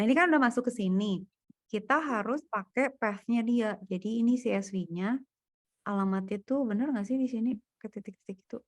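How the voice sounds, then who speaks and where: A woman gives a relaxed one-on-one coding lesson, thinking aloud as she works through data and plots. She speaks in a casual manner. Her voice sits at an ordinary mid pitch. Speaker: coding tutor. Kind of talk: private coding lesson over screen share.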